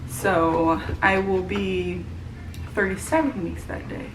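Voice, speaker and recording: A woman's voice: medium pitch, fairly even intonation, slow pace. Pregnant woman in her thirties, tired and rambling in a casual vlog, recorded at a distance in a roomy home with background noise. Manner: rambling, many fillers and restarts. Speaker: vlogger. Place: at home, room with echo. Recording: roomy, from the mic, noisy home.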